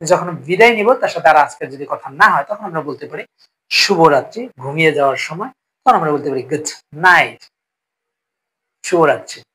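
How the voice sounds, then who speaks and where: A man's voice: fairly high pitch, lively intonation, sharp tone, low-quality recording. A man teaching a spoken English lesson, explaining patiently and repeating each phrase with frequent check-ins. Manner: explains slowly, repeats phrases, often asks "ঠিক আছে?".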